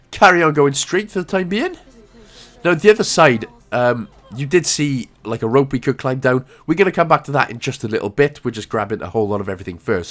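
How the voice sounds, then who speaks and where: A man, ill with a cough, giving a casual, jokey commentary over a game walkthrough. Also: mid-range voice. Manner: jokey, animated, self-mocking asides.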